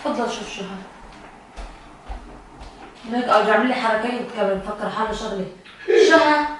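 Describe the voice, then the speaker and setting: Woman, fast, accusing; distant, very echoey, faint noise. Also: a little high, a bit bright. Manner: accusing, confrontational, repeating questions. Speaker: prank target, wife. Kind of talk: heated domestic argument. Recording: very echoey room, far from mic, faint noise.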